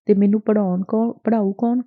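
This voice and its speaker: A woman's voice: medium pitch, steady tone, quick pace, no echo, lightly acted. A woman voicing an innocent young village girl who asks wondering questions in a raised voice, read for an audiobook. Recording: dry, tinny phone-like sound.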